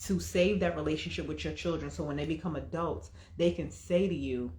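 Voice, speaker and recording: A woman coach in her thirties talks straight and emphatically to her livestream viewers in a fairly low voice. The sound is echoey and roomy. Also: brisk, a little mellow, slight background noise. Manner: emphatic, preachy and direct. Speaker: emotional wellness coach. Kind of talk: livestream motivational talk.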